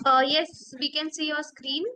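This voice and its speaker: Woman, moderator on a video call. High, bright voice. Brisk instructions. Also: flat delivery. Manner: brisk procedural instructions to presenters. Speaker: session moderator. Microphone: computer mic on a video call.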